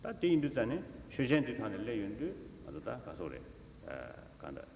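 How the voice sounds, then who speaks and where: A Tibetan man giving a Buddhist teaching in turns with an interpreter, speaking haltingly with repeated words and filler syllables. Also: mid-range voice, huge pitch swings, vocal fry, a little mellow. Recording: echoey hall, long reverb, faint noise.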